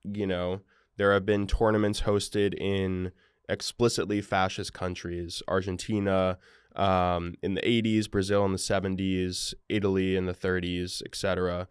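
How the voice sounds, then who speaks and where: Low-voiced rambling young man. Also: level tone, moderate pace, clean tone, no echo, clean studio sound. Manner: wry, rambling, heavy on fillers. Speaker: podcast co-host. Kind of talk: casual chat.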